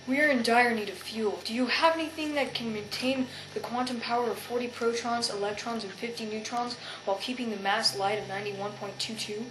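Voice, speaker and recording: A woman's voice: fairly high pitch, fairly even intonation, a little fast, few pauses, a bit bright, a little hiss or hum, natural voice, rough recording. A woman playing a bold, blustering male spaceship captain in campy radio-serial style, with grandiose exclamations.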